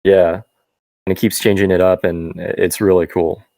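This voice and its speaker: A man with a low voice co-hosting a casual podcast, relaxed and agreeable. He mostly chimes in with short replies. He is recorded close and dry. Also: normal speed, vocal fry, dry recording. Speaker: podcast co-host. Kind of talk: casual chat.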